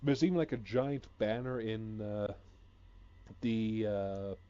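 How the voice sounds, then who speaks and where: A man's voice: on the low side, slow, warm tone, clean tone, lo-fi sound. A man chatting casually on a gaming stream, rambling and hesitant, full of fillers, sounding a bit sleepy. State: sleepy, yawning.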